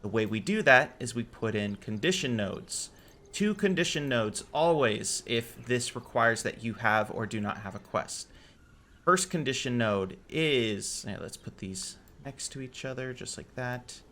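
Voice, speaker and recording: Bright-voiced man explaining game setup. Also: mid-range voice, unhurried. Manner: relaxed, self-correcting, chuckles at own slips. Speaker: game modding tutorial host. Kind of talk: casual screen-recorded tutorial.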